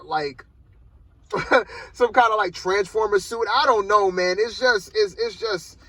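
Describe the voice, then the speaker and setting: A man's voice: sits high, fairly bright tone, dry recording, low-quality recording. A man giving a casual, rambling film review from inside a car, loosely talking with lots of "like" and "man". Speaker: movie reviewer.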